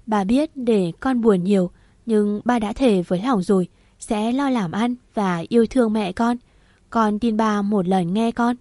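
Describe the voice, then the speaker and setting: A woman voicing a middle-aged father who pleads slowly for forgiveness. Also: mid-range voice, mellow, no room sound, natural voice. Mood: pleading. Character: repentant middle-aged father, formerly unfaithful.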